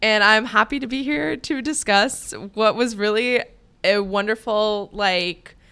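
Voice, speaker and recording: A woman's voice: medium pitch, unhurried, sharp tone, smooth. A young woman co-hosting a movie podcast, chatting in a rambling, giggly way full of fillers. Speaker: podcast co-host. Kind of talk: casual chat.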